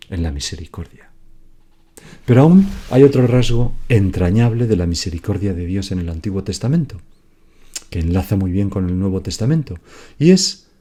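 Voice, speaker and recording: Priest guy doing a slow daily meditation, lowish dark voice, pauses a lot. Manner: slow, prayerful, pauses and self-corrections.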